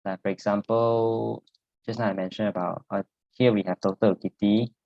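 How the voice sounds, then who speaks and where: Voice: deep voice, fairly even intonation, moderate pace, gravelly. Singlish-speaking instructor, dull lo-fi sound. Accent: Singaporean or Malaysian English. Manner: Singlish, ending phrases with "lah". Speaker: programming instructor. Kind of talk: informal technical tutorial, explaining step by step.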